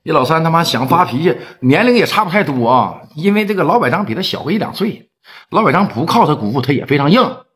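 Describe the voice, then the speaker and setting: A man's voice: fairly high pitch, big pitch swings, fast, fairly bright tone. A man with a Northeastern Chinese accent telling a gangland story in a colloquial way and acting out the dialogue. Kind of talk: storytelling narration.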